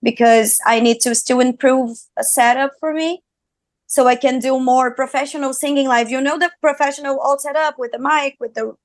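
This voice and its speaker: A young Brazilian singer and streamer with a Brazilian Portuguese accent chats as an interview guest, upbeat and full of fillers and restarts. Her voice is high and steady at a moderate pace, recorded dry.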